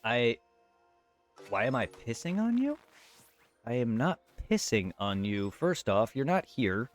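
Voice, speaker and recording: Faint music plays behind a man of medium pitch whose sing-song, unhurried speech is normally very quiet. He's a live streamer riffing to his chat without a script, blunt, repetitive, and sometimes swearing.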